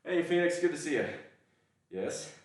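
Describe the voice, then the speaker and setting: This gym livestreamer talks to his viewers between sets with easygoing, self-deprecating humor and a light Southern accent. His voice sits on the high side, lively in intonation and at normal speed. The mic is distant, so he sounds off-mic in a heavily echoing indoor gym.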